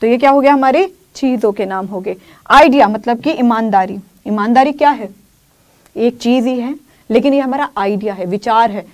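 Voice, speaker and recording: Using Hindi to teach English grammar, this woman keeps checking in with her students, repeats key phrases and says example sentences in English slowly. Her voice is a little high and a little mellow.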